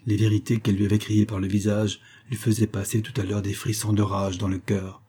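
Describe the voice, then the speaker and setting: Low husky male audiobook narrator. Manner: measured, expressive storytelling.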